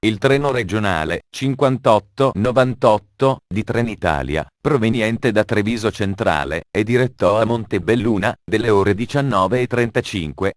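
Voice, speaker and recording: A man giving formal, measured train station announcements in an automated announcement style. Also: lowish voice, no room sound, clean studio sound.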